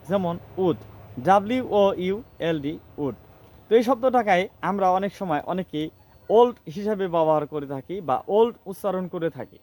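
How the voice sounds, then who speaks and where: A man giving a spoken English grammar lesson, explaining step by step and slowing down to spell out example phrases. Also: sits high, darkish tone. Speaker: English teacher.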